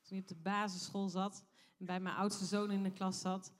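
A middle-aged woman speaks up at a church gathering and turns to a young man who has just spoken. Her voice is at a middle pitch, and she talks to him directly in a chatty, personal way. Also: level tone, moderate pace. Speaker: church member responding to a testimony. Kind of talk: warm personal encouragement.

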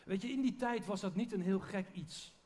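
A man's voice: sits high, moderate pace, a little mellow. A man preaching a sermon to his church in an earnest, conversational way, often restarting his sentences. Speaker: pastor.

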